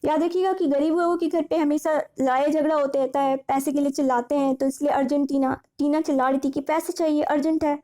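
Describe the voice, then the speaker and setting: A woman's voice: high voice, steady tone, fast talker, few pauses, mellow. A woman teaching memory tricks for an exam, chatty and repetitive, asking questions and answering them herself.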